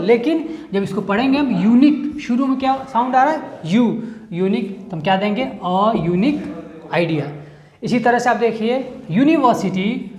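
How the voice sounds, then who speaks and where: A woman's voice: a little high, darkish tone, reverberant. A woman teaching an English grammar lesson in the style of a classroom, explaining step by step and asking questions that she answers herself.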